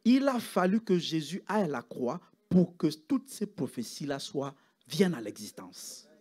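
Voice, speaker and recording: A man preaching in church with a high, bright-sounding pitch. His delivery swings wildly, climbing into loud calls and then dropping almost to a murmur. The pitch moves a great deal. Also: big pitch swings, moderate pace, husky. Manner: preaching with rising shouts and sudden hushed drops. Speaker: pastor. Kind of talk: sermon.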